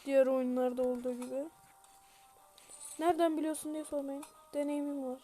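A woman giving casual gameplay commentary, chatty and self-mocking, shouting orders at her troops. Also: high voice, little pitch movement, brisk. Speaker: gaming youtuber.

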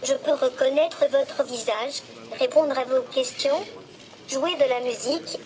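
Small friendly humanoid robot, high synthetic voice sounding female, reads its features in a clipped, even, list-like delivery. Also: measured pace. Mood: cheerful.

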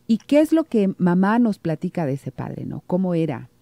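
A Mexican radio host in middle age, low and mellow, reading messages and explaining calmly. Her voice sits close to the studio mic. The room sound is dry. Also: moderate pace, gravelly, no echo. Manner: calm explanatory, reads listener messages. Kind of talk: radio call-in talk.

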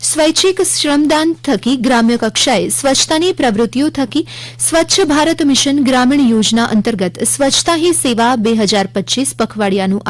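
A woman with a Gujarati accent reading a scripted regional radio news bulletin in a measured, formal way. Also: high voice. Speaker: news reader.

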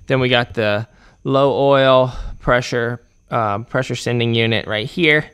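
Here the host speaks a little slowly in a steady, medium-pitched voice that is fairly bright and clean. He's demonstrating a repair in his workshop, keeping the talk casual while his hands do the work.

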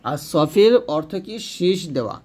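A man's voice: fairly high pitch, expressive, moderate pace, darkish tone. A man teaching Quran reading step by step, patiently repeating and demonstrating letter sounds. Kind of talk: step-by-step lesson.

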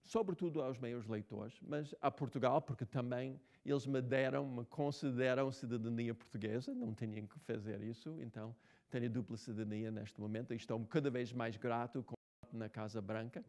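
A man in his sixties with an American English accent tells anecdotes in a relaxed interview. He speaks Portuguese as a second language and keeps stopping to restart words. His pitch sits at a middle height for a man. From United States. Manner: halting, many restarts and fillers. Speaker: writer being interviewed. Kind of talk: casual interview talk.

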